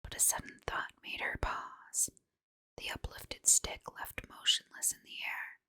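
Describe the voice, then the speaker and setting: A woman's voice: measured pace, pushed and bright. A woman reads a children's storybook under her breath in an ASMR style, in an unvoiced whisper.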